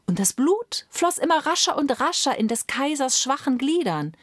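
A woman reading a fairy tale aloud, dramatic and measured, sometimes dropping to a whisper. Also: high voice, sing-song, no echo, studio quality. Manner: slow, dramatic, drops to whispers. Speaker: storyteller.

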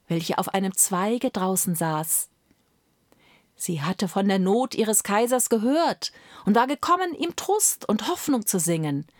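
A woman reading a fairy tale aloud, dramatic and measured, sometimes dropping to a whisper. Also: medium pitch, no echo, clean studio sound. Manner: slow, dramatic, drops to whispers. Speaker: storyteller.

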